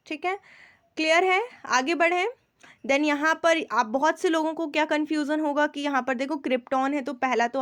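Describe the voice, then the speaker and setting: Her voice is high and fairly bright as she works through general knowledge quiz answers, an Indian-accented teacher switching between Hindi and English. She slows down to read every question and regularly makes sure students are keeping up.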